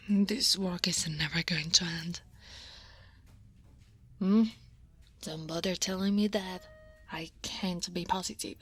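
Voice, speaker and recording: In an ASMR roleplay, an Italian woman with an Italian accent voices a weary, guarded female dragon who works in an office, speaking in a soft, tired, breathy half-whisper close to the mic. Her voice is on the low side with fairly even intonation, and she goes slowly, pausing often. The recording is dry.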